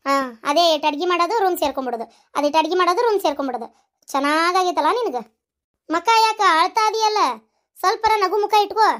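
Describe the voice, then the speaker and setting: A woman's voice: extremely high pitch, a bit bright. Woman doing a scolding old mother-in-law. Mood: mocking. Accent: North Karnataka Kannada. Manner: scolding, mocking, rapid-fire accusations. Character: sharp-tongued elderly mother-in-law, scolding and suspicious. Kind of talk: cartoon story voice acting.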